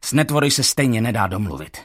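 A man voicing a weary young woman with a husky, faint voice, urgent and clipped in an audiobook. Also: mid-range voice, big pitch swings. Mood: tired, urgent.

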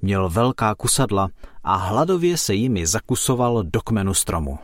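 A man reading a children's story aloud with expressive, lively storytelling. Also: lowish voice, dry recording, studio quality.

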